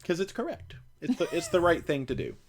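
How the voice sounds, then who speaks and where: Playful American man with a lively voice. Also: brisk. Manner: animated, playful, jumps in pitch when joking. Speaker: livestream host. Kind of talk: casual chat reading viewer comments.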